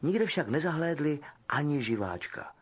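A man narrating an audiobook with expressive storytelling. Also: fairly high pitch, husky. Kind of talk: scripted narration.

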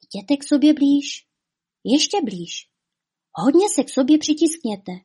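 A woman voicing a young princess's maid who talks in a high, urgent, distressed way, in a storybook reading. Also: animated, mellow. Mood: whispering urgently.

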